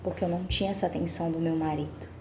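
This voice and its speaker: Woman, low warm voice; devotional book reading with reflective, confessional asides, in a roomy space. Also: fairly even intonation, racing, background noise. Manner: reflective, confessional, asks the listener direct questions. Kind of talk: reading a book aloud with personal commentary.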